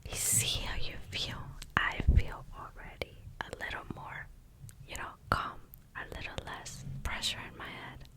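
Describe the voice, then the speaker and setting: Woman doing a whispered asmr pep talk, super breathy, chatty and encouraging. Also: unhurried, fairly bright tone. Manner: encouraging, intimate, conversational. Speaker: ASMR content creator.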